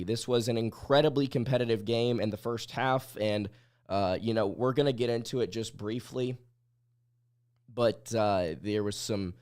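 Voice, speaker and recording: A man's voice: medium pitch, a little mellow. A male podcast host giving blunt, opinionated live sports commentary, his voice sounding sick and under the weather.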